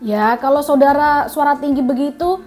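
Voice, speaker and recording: A middle-aged male judge, stern but fond of a joke, fires off sharp rapid questions in a high, raised voice, as a woman news host puts him on. Faint music plays underneath. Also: lightly acted. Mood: joking rebuke.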